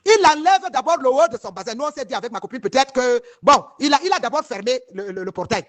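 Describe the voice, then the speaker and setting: Fast, heated woman. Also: high voice, expressive. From northern Cameroon. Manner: emphatic and rambling, with many repeated words and restarts; speaks straight to her audience and asks if they follow. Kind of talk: heated first-person testimony to viewers.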